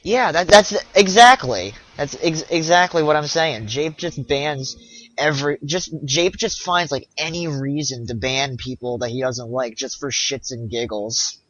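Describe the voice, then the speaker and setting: A young man chatting casually while streaming a speedrun, halting and repeating himself as he talks. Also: on the high side, a bit bright. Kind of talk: casual live-stream chat. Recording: lo-fi stream audio.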